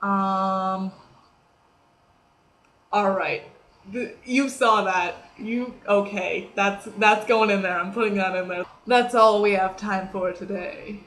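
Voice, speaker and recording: A young woman in a casual talking-to-camera vlog, telling stories with lively swings and sudden drops to a whisper, her voice slightly hoarse from coughing. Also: mid-range voice, slow pace, low-quality recording. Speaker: vlogger.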